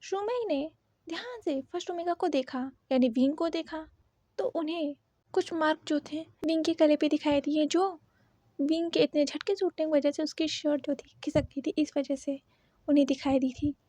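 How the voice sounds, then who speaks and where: A woman's voice: high-pitched, normal speed, warm tone, no echo. A woman narrating a fan fiction story expressively, with some repetition.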